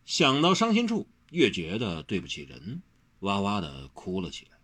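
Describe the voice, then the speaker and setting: A man reading a martial-arts novel aloud with a dramatic, lively delivery. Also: fairly low pitch, normal speed. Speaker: narrator. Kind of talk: expressive storybook reading.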